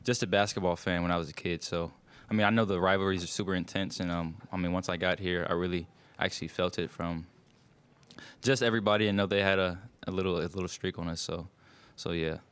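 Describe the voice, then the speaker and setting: In a press room before a sponsor backdrop, a young college basketball player answers postgame questions into a table mic. His voice is low-pitched with fairly even intonation and a fairly bright, clean tone, and he talks in loose, quick bursts full of fillers.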